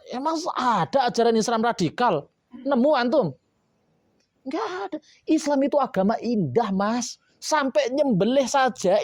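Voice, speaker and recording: A man preaching a sermon to boarding school students, coaxing and playful, with lively asides. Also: extremely high pitch, no room sound.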